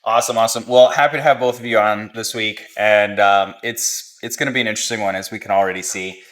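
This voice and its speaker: A man hosting a casual podcast, putting relaxed, open questions to his guests. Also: fairly low pitch, fast talker. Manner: easygoing, asks open questions. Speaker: podcast host.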